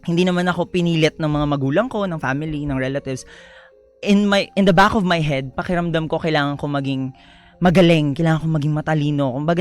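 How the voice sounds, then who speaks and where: A young man, a guest on a radio talk show, telling his life story in a soft-spoken, polite way, often slipping into English. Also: on the high side, smooth. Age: young adult. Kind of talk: personal storytelling interview.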